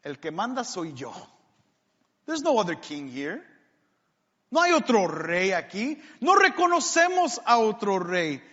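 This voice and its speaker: A scornful middle-aged Roman governor, as a preacher puts him on, his voice dropped low and sneering. He talks slowly and dismissively. The sound is dull and carries a long hall echo. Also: very animated, sharp tone, exaggerated voice. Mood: domineering.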